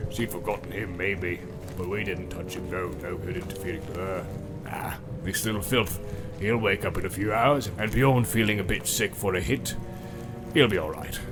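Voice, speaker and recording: Man growling as gravelly orc captain Shagrat. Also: on the low side, voice pushed down, close to an everyday voice. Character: snarling brutal male orc captain.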